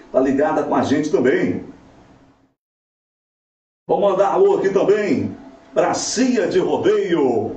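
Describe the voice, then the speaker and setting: A man in his thirties hosting a live show in a casual way, giving shout-outs. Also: fairly high pitch. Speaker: TV show host. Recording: echoey, distant mic, faint noise.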